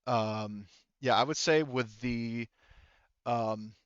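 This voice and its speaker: Over a headset, a man acts as game master for a tabletop roleplaying game, narrating in a relaxed, hesitant manner and revising what he says mid-explanation. His medium-pitched voice sounds smooth, captured in a dry, lo-fi recording.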